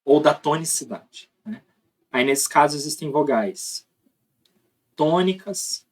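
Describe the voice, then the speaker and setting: A man's voice: fairly high pitch, lively intonation, slow pace, breathy edge. Male teacher explaining step by step. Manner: explains step by step, often checks with "tá?". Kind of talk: recorded classroom lesson.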